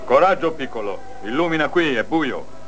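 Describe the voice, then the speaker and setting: A man's voice: medium pitch, animated, normal speed, a bit bright, faint music behind, lightly acted. A man voicing a kindly, solemn old man in a dubbed cartoon, speaking in a fatherly, encouraging way. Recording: old noisy cartoon film soundtrack.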